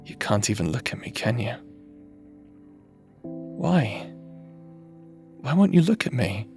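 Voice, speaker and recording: Soft music plays behind a man voicing a remorseful necromancer husband who now haunts his partner's memory in a roleplay audio drama. His medium-pitched voice is slow and sing-song, tender and teasing, softly spoken, with a wistful mood.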